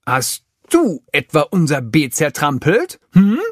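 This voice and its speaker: Cheeky hot-headed meerkat boy, a guy doing the voice, raised and a bit husky, storybook read. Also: sits high, very animated, fast, no room sound, clean studio sound, voice pushed up, heavily acted. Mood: indignant. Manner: brash and snappy, sometimes whispering. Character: bold young male meerkat, quick-tempered. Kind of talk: children's audiobook reading.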